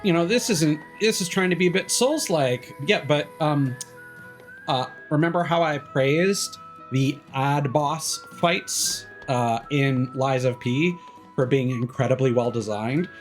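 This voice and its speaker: A video game streamer talks at a medium pitch and an unhurried pace over soft background music. The commentary is casual and analytical, rambling along and often trailing off mid-thought, as in a relaxed livestream while playing.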